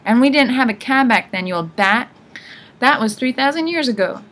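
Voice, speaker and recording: A woman voicing a shrill, bickering old crone taxi driver in an audiobook, cranky and bossy. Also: expressive, moderate pace, sharp tone, heavily acted. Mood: quarrelsome. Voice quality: shrill, screechy. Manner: squabbling, complaining.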